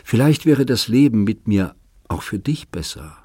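A man voices a lonely old suitor of nearly eighty, earnest and long-winded as he pleads his case in an audiobook. His voice sits low and husky. The sound is dry and close. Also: very animated, normal speed, mellow, dry recording. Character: lonely, talkative man of seventy-seven, courting. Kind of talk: audiobook reading.

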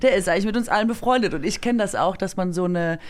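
A woman co-hosting a podcast who once started out in radio, chatting in a lively, playful way. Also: mid-range voice, fast talker. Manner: lively, playful, acts out quotes. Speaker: podcast co-host, radio presenter. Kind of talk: casual chat.

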